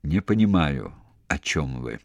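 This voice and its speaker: A man voicing a beaten battalion commander who answers in a weak, hoarse voice. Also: lively intonation, a little slow, no echo, full character voice. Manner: quiet, low, barely moving lips. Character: beaten male battalion commander prisoner, stubborn.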